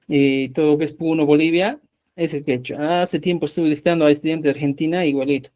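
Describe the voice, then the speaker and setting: A man's voice: on the high side, fairly even intonation, fairly quick, a little mellow. A man teaching a live online language class, explaining step by step and often checking in with his students. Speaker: Quechua teacher.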